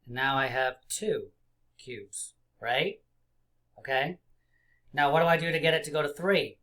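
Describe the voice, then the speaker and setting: A man in his forties teaching young children like a kids show host, encouraging them with simple questions and pauses. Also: on the high side, pushed and bright. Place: small indoor room.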